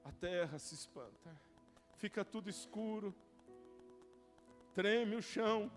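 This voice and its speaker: Brazilian pastor guy, super high voice, emotional sermon, churchy echo and faint music. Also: takes it slowly. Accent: Brazilian Portuguese. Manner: emotional storytelling, swings from loud cries to hushed whispers. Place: church hall. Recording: church hall reverb with soft music.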